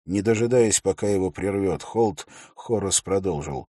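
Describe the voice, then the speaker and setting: A man narrating an audiobook in a measured, even storytelling manner. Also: deep voice, no echo, studio quality.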